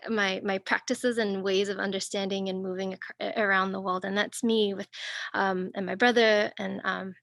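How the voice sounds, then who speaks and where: Giving an academic talk over a video call, this guest speaker is a woman from Singapore and northern Thailand who sounds thoughtful and searching, pausing and restarting a lot. Her mid-range voice is gravelly and fairly bright, and the recording is dry.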